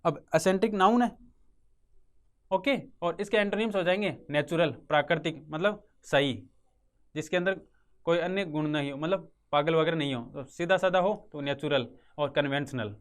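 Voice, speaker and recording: A man with a Rajasthani Hindi accent teaches English vocabulary for exam prep, repeating each word and posing questions he then answers himself. His voice is fairly high and moves at a moderate pace. He's recorded on a close mic in a classroom or studio with a writing board.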